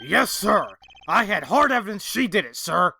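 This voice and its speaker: A man acts out an eager, bumbling police detective with a bright, forceful, gravelly voice that sits high. He blusters deferentially to his superiors, as in a courtroom video game. Music plays behind him. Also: big pitch swings, normal speed, a little hiss or hum, full character voice. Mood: eager, dutiful. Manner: deferential, blustering, ending sentences with "sir". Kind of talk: game fandub character acting.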